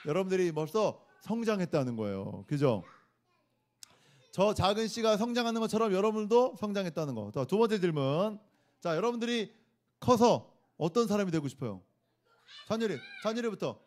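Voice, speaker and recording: A man's voice: sits high, very animated, a little fast. A man, a pastor, giving a children's sermon in a church room, playfully quizzing the kids and having them repeat phrases after him. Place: church worship room indoors.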